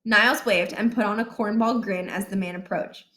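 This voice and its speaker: A woman reads a children's book aloud with expressive storytelling flair. Her voice sits in the mid range and she speaks at a normal speed.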